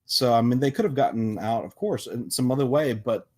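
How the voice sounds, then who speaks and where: Here the podcast panelist, a man who develops visual novels, has a medium-pitched, darkish voice and talks fairly quickly. His casual delivery is emphatic, and he keeps restarting sentences while driving his point home.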